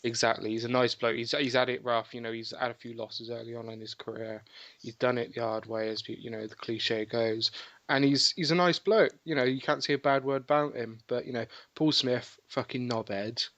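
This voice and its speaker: A man discussing sport casually as a podcast panellist, explaining his views in a measured way with some swearing. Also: medium pitch, fairly even intonation, fairly bright tone, no echo, lo-fi sound.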